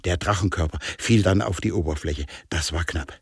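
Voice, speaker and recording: A man's voice: sits low, moderate pace, vocal fry, slightly rough, dry recording, clean studio sound. Man reading a playful story. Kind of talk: audiobook narration.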